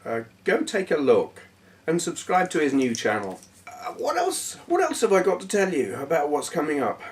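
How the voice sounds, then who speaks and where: Hoarse man rambling to camera. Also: on the high side, huge pitch swings, normal speed, far from the mic, a little hiss or hum. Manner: rambling, self-deprecating, hesitant with fillers. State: hoarse, voice going. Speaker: YouTube gaming channel host. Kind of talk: casual rambling talk to camera.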